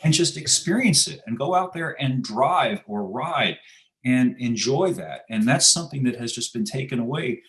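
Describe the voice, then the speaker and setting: A man's voice: medium pitch, animated, moderate pace, fairly bright tone. An American man, a guest in an interview, talking in a sardonic, emphatic storytelling way. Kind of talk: casual interview talk.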